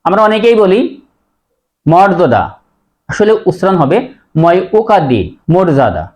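A man's voice: high voice, expressive, a little mellow. Man teaching word pronunciation. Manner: explains step by step, repeats each word slowly. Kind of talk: pronunciation lesson.

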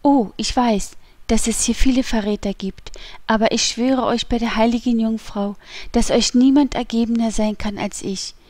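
A woman's voice: on the high side, fairly even intonation, normal speed, a little mellow, dry recording, lightly acted. A woman voicing a loyal young maid in an audiobook, earnest and reassuring toward her mistress. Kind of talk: audiobook character voice.

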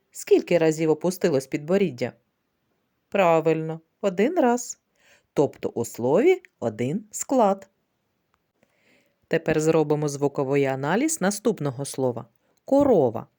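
Female preschool teacher, patient sing-song delivery, mellow lower voice, unhurried. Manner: slow, patient, sing-song questions and praise. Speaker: kindergarten teacher. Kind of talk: online literacy lesson for preschoolers.

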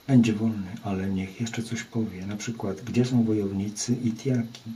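Male narrator doing a level-headed warrior advisor, measured, flat low delivery. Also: slight background noise, lightly acted, poor audio. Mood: steady. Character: calm, wise male warrior friend and advisor.

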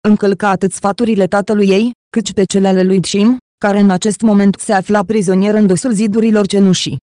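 An audiobook narrator reading a novel in a steady, even manner. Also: medium pitch, dry recording, clean studio sound. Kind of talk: scripted narration.

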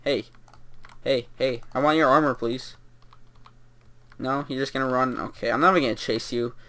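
A man's voice: mid-range voice, normal speed, sharp tone. A young man giving casual, rambling commentary while playing a video game, with lots of fillers and laughter. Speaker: gameplay commentator.

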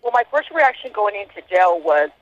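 A woman's voice: mid-range voice, very animated, moderate pace. A woman speaking over a prison phone line, answering interview questions hesitantly with frequent ums. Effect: heard over a prison phone line. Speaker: inmate interviewee.

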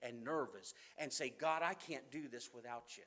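A man preaching a sermon in a church, fervent, swinging from loud emphasis to quiet asides. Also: mid-range voice, normal speed.

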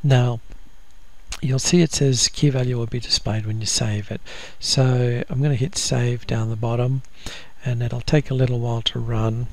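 Gravelly man walking through software steps. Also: medium pitch. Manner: methodical, step-by-step, frequent ums and uhs. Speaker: software instructor. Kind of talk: screen-recorded software tutorial.

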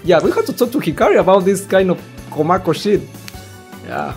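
Brisk and darkish in tone, a man's high-pitched voice swings hugely in pitch over soft background music. He's a let's player doing casual reaction commentary as he reads a visual novel aloud, rambling, stumbling on words, and swearing mildly.

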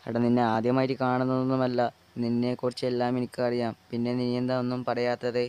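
A man voicing a clear-voiced cheerful best friend. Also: mid-range voice, monotone, fast, darkish tone, lightly acted. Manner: friendly and playful. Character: loyal male best friend, cheerful and teasing. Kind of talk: amateur Malayalam dub of a game short film.

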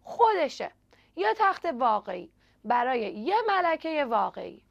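A screechy, self-important fish who wants to be queen of the sea, put on by a woman. Her voice sits high and carries some gravel at the edges. The storybook recording sounds dull and lo-fi. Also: expressive. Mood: haughty. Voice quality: shrill, screechy. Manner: proud and bossy. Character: haughty shrieking female mandarin fish, would-be queen.

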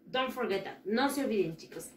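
A woman teaching children English vocabulary, repeating each word slowly for them to copy. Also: on the high side, lively intonation, recorded from a distance, slight background noise. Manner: drills words slowly with repeated pronunciation. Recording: roomy echo with faint ambience.

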